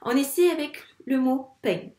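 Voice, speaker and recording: Woman teacher for small children, higher voice, patient and encouraging, recorded in a roomy echo. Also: moderate pace, a little mellow. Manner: patient, encouraging, spells out each step. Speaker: primary school teacher. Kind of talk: lesson for young children. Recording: echoey room.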